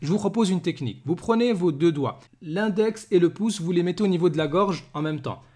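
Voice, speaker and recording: A man runs a calm pronunciation lesson, voicing each letter slowly and repeating it. His voice sits a little high. He keeps asking whether the listener is following. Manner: patient, repeats letter sounds slowly, asks "d'accord?" often. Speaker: Arabic teacher.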